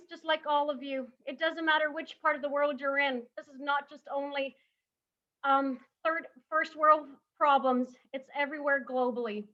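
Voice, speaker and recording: A woman's voice: high voice, fairly bright tone, muffled recording. A woman in her thirties giving a motivational summit talk, emphatic and full of rhetorical questions. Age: 30s. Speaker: summit speaker.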